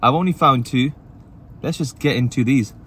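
A man's voice: medium pitch, moderate pace, fairly bright tone, a little hiss or hum. A man reviewing food in a parked car, chatty and upbeat, talking while he eats. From England. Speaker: food reviewer and channel host. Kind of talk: casual food review vlog.

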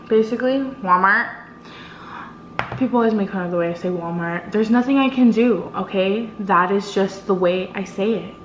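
A woman's voice: medium pitch, dull audio. A woman chatting casually to her camera in a vlog, giggling and laughing often as she talks. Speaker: vlogger. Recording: echoey room with loud noise.

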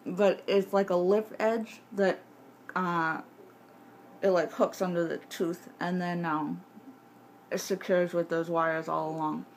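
A woman in her twenties or thirties chatting casually to camera in a halting, rambling way, her speech slightly impeded by a bite splint wired in her mouth. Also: on the low side, steady tone. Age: 20s to 30s. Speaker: vlogger showing jaw surgery recovery. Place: home kitchen. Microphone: phone at arm's length. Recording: faint background noise, handheld device.

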